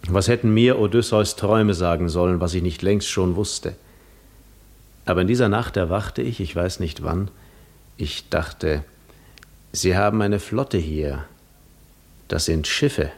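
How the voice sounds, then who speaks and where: In a 1950s German radio play monologue, a male actor plays a restless, yearning seafarer lost in reverie. His deep voice moves at a measured pace with long pauses, lyrical and dramatic, shifting between hushed and fervent in a musing mood.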